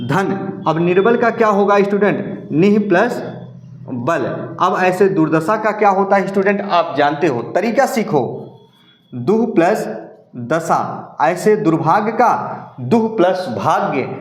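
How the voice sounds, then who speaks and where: A man's voice: high voice, animated, a little slow, reverberant. A man teaching Hindi grammar for an exam, drilling rules, repeating key points and calling his viewers students. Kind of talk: exam-prep grammar lesson.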